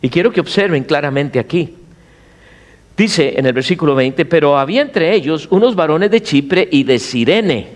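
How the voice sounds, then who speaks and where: Animated middle-aged preacher man. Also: on the high side, moderate pace. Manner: animated preaching with rhetorical questions to the congregation. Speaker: pastor. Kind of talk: Spanish-language sermon.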